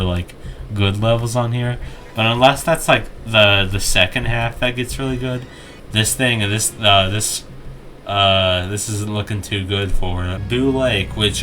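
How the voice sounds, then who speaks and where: A man's voice: fairly low pitch, a bit bright. A young man chatting casually while ranking game tracks, rambling with lots of restarts and jokey asides. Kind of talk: casual gaming chat.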